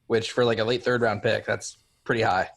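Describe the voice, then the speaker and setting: Young man, podcast co-host, rapid speech, low voice, casual football talk. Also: vocal fry. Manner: quick, even-toned analysis with many "like" fillers. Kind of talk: casual sports chat.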